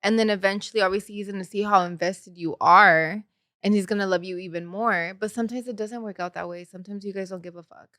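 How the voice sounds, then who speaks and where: A woman's voice: mid-range voice, steady tone, fast, a bit bright, dry recording, studio quality. A woman co-hosting a podcast in casual chat, outspoken, swearing and laughing often. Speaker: podcast co-host.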